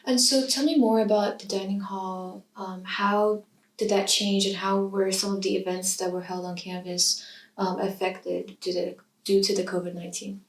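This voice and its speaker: A young woman from Iraq, a student interviewer who asks measured questions in an oral history interview. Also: mid-range voice, flat delivery. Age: young adult. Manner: reads a scripted intro, then asks measured questions. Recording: roomy sound from a distant mic.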